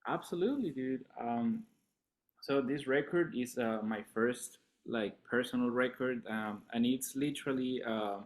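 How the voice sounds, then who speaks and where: A man from Colombia, a guest musician in a casual interview chat, relaxed and laughing often, talking with many fillers. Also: mid-range voice, measured pace.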